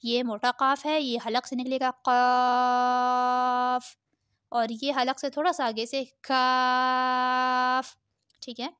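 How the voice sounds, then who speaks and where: A patient woman teacher with a high, fairly even voice stretches out each letter sound in a recorded lesson and keeps checking that her learners follow. Her voice is smooth and clear. The recording is dry and close. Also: no echo. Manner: patient, drawn-out letter sounds, frequent "theek hai?" checks. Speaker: Quran reading teacher.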